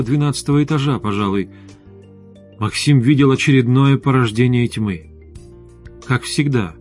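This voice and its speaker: A man with a mid-range voice narrates an audiobook, reading the scripted text in a measured, even way.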